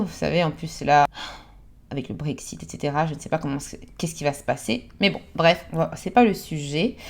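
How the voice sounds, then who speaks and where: A young woman from France talks through British slang in a relaxed vlog. She is chatty and lively, breaks into quick English examples, and laughs at her own slips. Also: lowish voice. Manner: chatty, animated, acts out short English examples and laughs at herself. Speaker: vlogger teaching British English expressions. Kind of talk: casual explanatory vlog.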